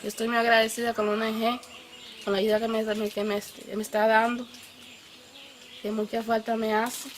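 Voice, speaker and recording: A woman's voice: fairly high pitch, flat delivery, normal speed, long pauses, a little hiss or hum. A woman, a mother, giving a grateful testimonial and faltering briefly. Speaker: mother, program beneficiary. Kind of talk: thank-you testimonial.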